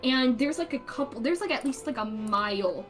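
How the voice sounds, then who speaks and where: A woman game master narrating a tabletop session in a loose, rambling way. Her voice sits somewhat high, and faint music plays behind her. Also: lively intonation, moderate pace. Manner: rambling, many fillers and restarts.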